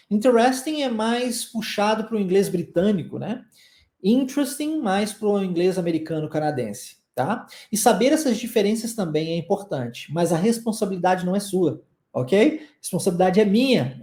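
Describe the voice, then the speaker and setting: Lively Brazilian teacher in a roomy echo. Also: male voice, high voice. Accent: Brazilian Portuguese. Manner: slow, deliberate modeling of phrases, encouraging. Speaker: English teacher. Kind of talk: English lesson with repeat-after-me drills.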